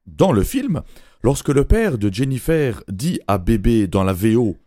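Jokey male radio columnist, lively pitch. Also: measured pace, dry recording, studio quality. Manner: joking, teasing, laughs between lines. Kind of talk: humorous radio chronicle.

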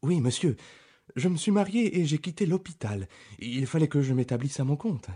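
A man voicing a timid, eager young country doctor in an audiobook, talking excitedly in a raised, fluttery voice. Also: fairly high pitch, moderate pace, husky, voice pushed up. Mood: humble.

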